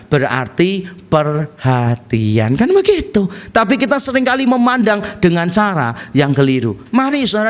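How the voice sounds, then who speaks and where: A man in his thirties preaching a sermon as pastor, humorous and fond of acting out little quoted scenes. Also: sits high.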